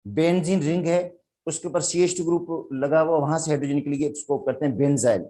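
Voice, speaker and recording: A man's voice: a little high, fairly quick, mellow. A man from Pakistan with a Sindhi accent, teaching chemistry in a classroom lecture and explaining step by step while calling his students "beta".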